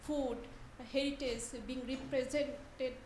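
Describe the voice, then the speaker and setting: A woman's voice: sits high, fairly even intonation, slow, darkish tone. A woman from Bangladesh politely asking a question from the audience at a conference, a little hesitant. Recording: echoey room, faint ambient noise.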